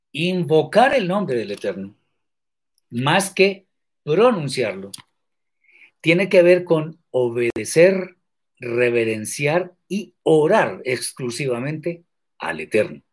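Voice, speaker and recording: A man teaching scripture in a measured, deliberate way, answering viewer questions and stressing points with sharp questions. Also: a little high, very animated, breathy edge. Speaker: religious teacher.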